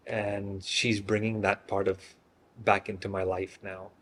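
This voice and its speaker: Man, 30s, from Singapore; hesitant, easygoing interviewee, lowish voice. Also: a little slow, a little hiss or hum. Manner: relaxed, hesitant, many fillers and restarts. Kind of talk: casual interview chat.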